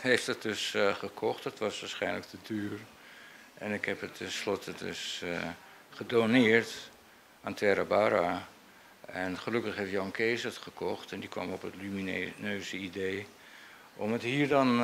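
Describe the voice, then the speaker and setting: Low, gravelly man recounting memories. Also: fairly bright tone, a little hiss or hum. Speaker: portrait painter. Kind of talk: unscripted speech recounting memories.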